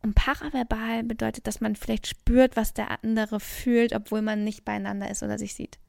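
A woman's voice: on the high side, little pitch movement, moderate pace, creaky, a little mellow. A young woman co-hosting a casual podcast chat, playfully musing aloud and guessing at word meanings. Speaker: podcast co-host.

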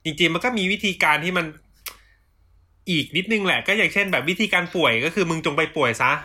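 A man's voice: on the high side, a little fast, sharp tone, breathy edge. A young man hosting a casual chat among friends, joking with crude slang and mock-formal sign-offs. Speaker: podcast host.

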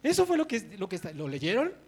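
A male pastor with a high-pitched voice preaches with a lot of energy. He acts out the biblical scenes and alternates between rhetorical questions and emphatic statements. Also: fairly quick, slightly rough, rough recording. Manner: animated, dramatizes biblical scenes. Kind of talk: sermon.

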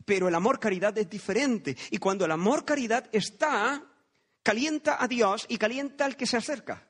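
A man's voice: high voice, lively intonation, moderate pace, a bit bright, slightly rough. A man preaching a sermon in a conversational way, telling parables and asking rhetorical questions.

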